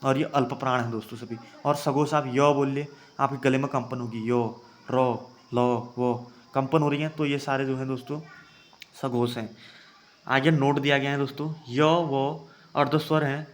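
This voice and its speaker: A man's voice: medium pitch, fairly even intonation, brisk. A young man teaching an exam-prep grammar lesson, calling his viewers friends and having them try each sound aloud. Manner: addresses viewers as friends, repeats points.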